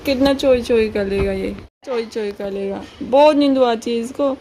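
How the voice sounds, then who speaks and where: A woman's voice: a little high, normal speed, warm tone, a little hiss or hum. A woman talking playfully to a newborn in cooing, sing-song baby talk. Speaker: family member talking to a baby.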